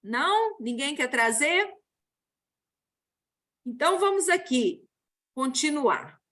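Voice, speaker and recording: A woman with a Brazilian Portuguese accent leading an online support group, explaining gently and calling on participants over a video call. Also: high-pitched, animated, slow. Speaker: group facilitator.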